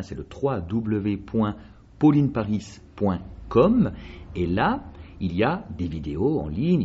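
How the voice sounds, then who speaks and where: A man hosting a radio interview, asking questions with animated emphasis. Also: deep voice, slightly rough, dull audio. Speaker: radio host.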